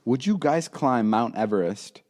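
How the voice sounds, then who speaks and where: Young guy cohosting a podcast, jokey and quick, laughs a lot, normal pitch. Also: animated, a little mellow. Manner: joking, quick, laughs often. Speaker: podcast co-host. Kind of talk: casual podcast banter.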